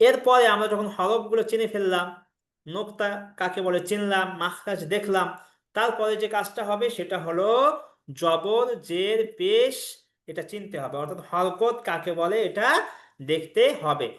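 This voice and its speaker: A man's voice: high voice, moderate pace, fairly bright tone. A man teaching in patient, step-by-step explanations, drilling letter sounds in a chanting rhythm. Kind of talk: instructional explanation of a reading course. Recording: echoey room sound.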